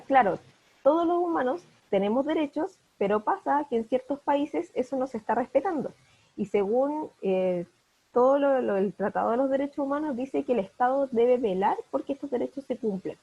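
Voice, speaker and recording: A woman's voice: high voice, fairly quick, mellow, slightly rough, dull audio. Woman teacher on a video call. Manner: patient, explains each word step by step. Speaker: primary school teacher. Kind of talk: online class explanation.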